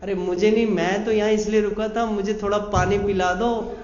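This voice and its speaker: Guy doing a soft earnest young devotee in a sermon story, highish voice, roomy hall. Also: level tone, normal speed, lightly acted. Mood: gentle. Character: gentle pious young male devotee, calm and steadfast. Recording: echoey hall, dull sound.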